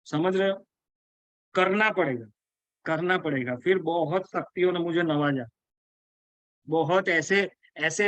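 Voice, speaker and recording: A spiritual teacher gives an earnest, insistent lecture, repeating himself and checking that his listeners follow along. His voice sits high and a bit bright, and the sound is dry, dull and lo-fi with no room sound.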